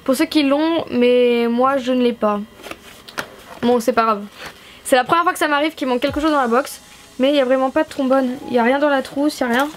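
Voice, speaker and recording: A woman's voice: high voice, steady tone, a little fast, slight background noise. A young woman from France chatting through a stationery box unboxing, gushing and enthusiastic, with frequent fillers. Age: young adult. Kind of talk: casual vlog unboxing.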